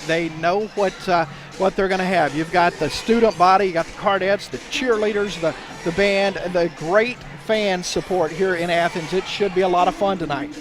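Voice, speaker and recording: A man doing color commentary on a college basketball game, talking in a loose, chatty way with lots of "uh" fillers. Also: high-pitched. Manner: chatty, filler-heavy, laughs easily. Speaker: radio sports director and color commentator. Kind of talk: casual commentary banter.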